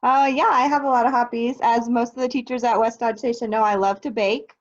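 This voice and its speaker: A woman's voice: a little high, fairly even intonation, brisk, highs cut off. A young woman from Nebraska, a teacher answering interview questions in a cheerful, easygoing way. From Nebraska, United States. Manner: cheerful, easygoing, light laughs. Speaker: third grade teacher, guest.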